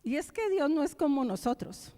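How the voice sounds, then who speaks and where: A woman pastor with a Bogotá Colombian accent, preaching animatedly and shifting from loud exclamations to hushed prayer in a church. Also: high voice, sing-song, moderate pace. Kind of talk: sermon. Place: large church sanctuary. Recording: echoey church hall.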